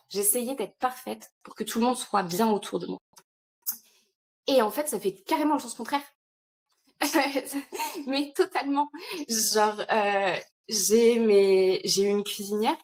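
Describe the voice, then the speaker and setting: A woman in a casual podcast conversation, talking about her work in a lively, chatty way with frequent fillers and laughs. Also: mid-range voice, slow pace. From France. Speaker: founder of an entrepreneur retreat, podcast guest.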